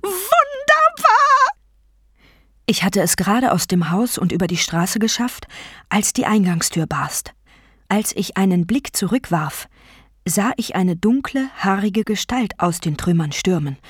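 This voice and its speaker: Woman audiobook narrator, husky, animated delivery, dry close mic. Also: on the low side, a little slow, no echo. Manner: lively storytelling. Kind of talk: scripted narration.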